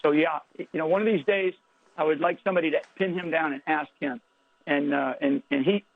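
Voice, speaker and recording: A man speaking as an interview guest over a phone line, halting and emphatic, with many restarts. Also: a little high, creaky. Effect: heard over a phone line. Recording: tinny dry phone line.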